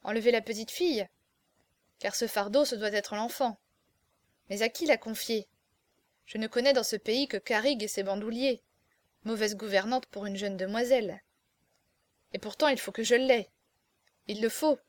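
A woman's voice: on the high side, moderate pace, pauses often, no echo, lightly acted. A woman reading as a terse young swordsman. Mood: brooding. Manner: terse, restrained. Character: bold young swordsman, grave and hurried. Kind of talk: audiobook character voice.

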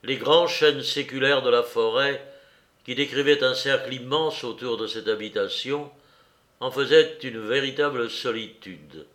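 A man narrating a classic novel as an audiobook, reading in a measured, expressive way. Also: mid-range voice, echoey room.

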